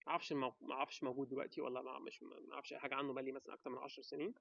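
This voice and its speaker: An Egyptian man with an Egyptian Arabic accent gives casual advice to camera, animated and talking straight to the viewer with quick rhetorical questions. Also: mid-range voice, vocal fry, dry recording, highs cut off. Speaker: vlogger giving advice.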